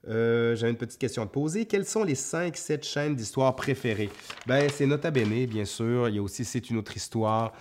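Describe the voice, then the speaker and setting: Reading viewer questions aloud, a man with a Quebec French accent who hosts history videos answers them spontaneously in a relaxed Q&A. He speaks at normal speed in a mid-range, darkish voice. A little hiss or hum sits in the recording.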